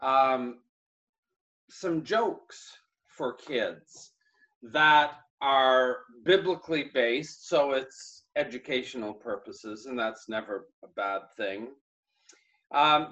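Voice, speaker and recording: Middle-aged male pastor, unhurried and chatty, mid-pitched, casual online church message. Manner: gentle, chatty, with many fillers and pauses.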